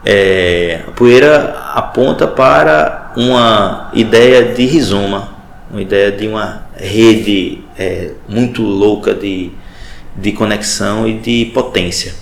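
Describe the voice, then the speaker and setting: Gravelly-voiced man from Recife, reflective. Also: lowish voice, slow, echoey room, a little hiss or hum. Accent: Recife, Brazil. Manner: thoughtful, searching for words, with restarts. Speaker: guest, journalist and professor. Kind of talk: radio interview answer. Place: community radio studio.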